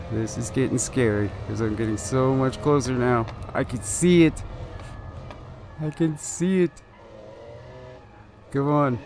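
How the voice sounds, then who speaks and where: A man's voice: mid-range voice, gravelly, a little mellow, a little hiss or hum. A man giving live commentary while playing a driving game, nervous and pleading as he keeps urging the car on. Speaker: gaming video creator.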